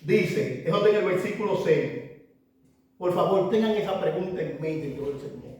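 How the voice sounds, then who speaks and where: A man's voice: fairly high pitch, lively intonation, moderate pace, a little mellow. A man preaching a sermon, emphatic and urging his listeners, often repeating phrases. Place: church. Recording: very echoey church hall, voice from far off.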